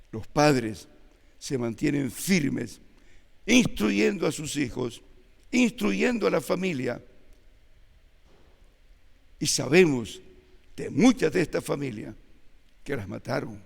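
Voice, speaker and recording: An old man preaches in a church, his voice rough and gravelly, slightly higher than most men's. He speaks slowly in measured phrases that swell with emphasis. A long reverb hangs around his words in the sanctuary. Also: a little mellow. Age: 80s. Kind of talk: sermon.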